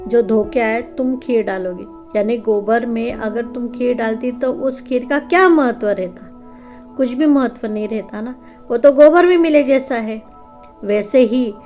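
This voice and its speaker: Woman telling as a calm wise old saint. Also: high voice. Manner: patient, gently instructive.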